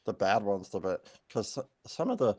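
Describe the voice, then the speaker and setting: A man's voice: on the low side, very animated, normal speed, darkish tone, husky. A man voicing a small, hunched, pig-snouted creature who works as a miner and rambles in flustered restarts. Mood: rambling.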